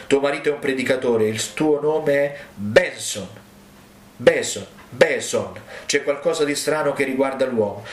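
A man's voice: medium pitch, echoey room. A man preaching a revival altar call, urging listeners with pleading exhortations.

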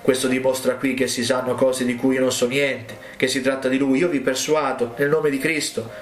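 A man's voice: medium pitch, little pitch movement, normal speed, roomy sound, faint music behind. A man preaching a revival altar call, urging listeners with pleading exhortations.

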